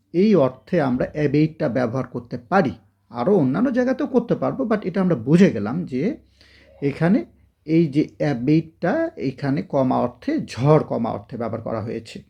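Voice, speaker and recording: A Bangladeshi man teaching English vocabulary, repeating each word slowly for students to drill, and reading example sentences out very slowly. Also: fairly high pitch, very animated, creaky, breathy edge, dull audio. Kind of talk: classroom-style vocabulary lesson.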